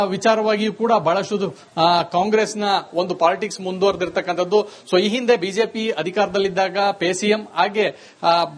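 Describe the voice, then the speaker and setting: High-voiced male reporter on a live link. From Karnataka, India. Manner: fluent reporting with frequent hesitation fillers. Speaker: political reporter. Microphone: phone or remote live link.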